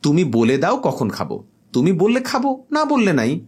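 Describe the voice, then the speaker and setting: A man voicing a doting young girlfriend in a storybook horror-comedy, in a high, cooing, coaxing way. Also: wildly swooping pitch, moderate pace, darkish tone, husky, exaggerated voice. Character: sweet-talking young woman, doting girlfriend.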